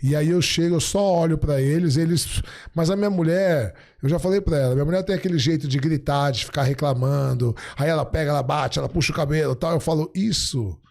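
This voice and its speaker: A middle-aged man appears as a podcast guest, telling stories in a casual chat. His voice is a little high, brisk, and gravelly, and he acts out the dialogue he quotes with lots of animation.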